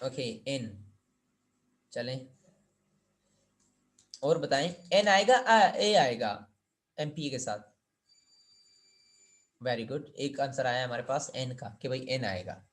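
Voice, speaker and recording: A man's voice: medium pitch, expressive, slow pace, long pauses. A man teaching an English grammar lesson, explaining step by step, repeating words and asking students for answers.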